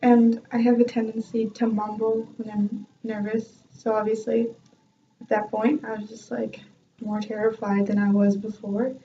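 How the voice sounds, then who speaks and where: A young woman vlogger and music student laughs her way through a self-deprecating story about her music class. She speaks on the high side, flatly and at a moderate pace, with dull lo-fi audio recorded far from the mic over a noisy background.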